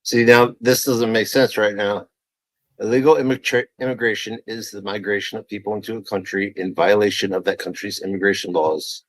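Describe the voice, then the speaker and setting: A man with a low voice hosts a casual livestream chat, blunt and quick to agree. He sounds dry and a little off the mic. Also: fairly even intonation, no room sound, low-quality recording.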